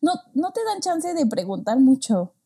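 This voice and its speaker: Lively high-voiced Mexican woman host. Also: normal speed. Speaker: podcast host. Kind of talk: casual chat.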